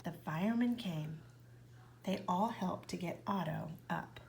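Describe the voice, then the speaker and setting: A woman reading a children's picture book aloud, with expressive narration that often drops to a whisper. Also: on the low side, unhurried, creaky, a little hiss or hum. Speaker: reader.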